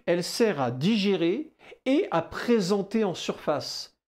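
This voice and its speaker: A man with a southwestern French accent teaching biology in a lively video lesson, talking straight to the viewer and answering his own questions. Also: sits high, a little slow. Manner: animated, addresses the viewer as "kid", rhetorical questions.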